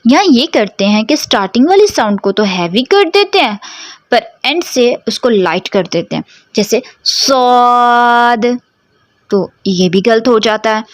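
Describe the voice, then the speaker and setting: A woman's voice: on the high side, animated, moderate pace, dry recording. A woman teaching Quran letter pronunciation. She explains step by step, asks her students questions and draws out each model sound for them to repeat. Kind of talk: slow, careful pronunciation lesson.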